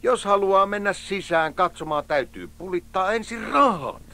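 A man's voice: high voice, lively intonation, sharp tone, a little hiss or hum, pitched above the performer's own voice, exaggerated voice. An actor playing a mocking know-it-all boy who laughs at and talks down to a friend. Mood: teasing. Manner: teasing, laughing, condescending.

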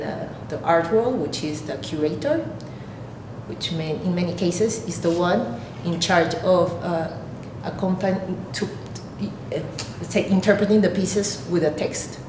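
In an echoey space with obvious rumbling in the background, a Peruvian artist in her thirties describes her work to the camera. Her Peruvian Spanish accent comes through as she speaks haltingly, reaching for words.

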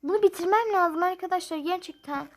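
A woman's voice: very high-pitched, brisk, a little hiss or hum. A young woman playing a mobile number game, commenting casually and grumbling in frustration as she counts numbers aloud.

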